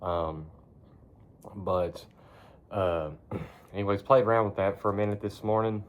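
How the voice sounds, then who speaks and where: A man with a deep, low voice talks casually to a phone propped up in a barn. He is laid-back and folksy, rambling along and cursing offhand like he is catching up with regular viewers. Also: measured pace, phone-quality sound, a little hiss or hum. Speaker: vlogger. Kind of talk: casual rambling chat to camera.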